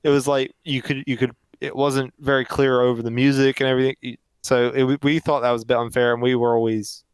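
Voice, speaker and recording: A man chats through a film review as podcast co-host, his voice smooth and clear at an ordinary pitch. The sound is dry and close to the mic, and he talks in an animated, opinionated way. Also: fast, dry recording, low-quality recording. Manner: animated and opinionated, laughs often. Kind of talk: casual film review chat.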